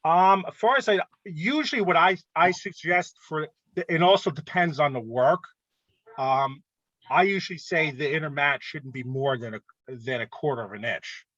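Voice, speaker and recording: A man's voice: a little high, normal speed, a bit bright, no room sound, highs cut off. Man casually explaining, checking in with "okay?". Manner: conversational, frequent "okay?" check-ins. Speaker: art club presenter. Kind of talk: casual instructional talk.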